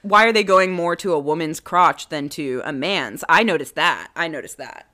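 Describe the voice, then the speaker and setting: A woman's voice: sits low, animated, moderate pace, bright, forceful tone. A woman co-hosting a podcast in casual comedic chat, playful and easygoing, often echoing her own short phrases. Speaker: podcast co-host.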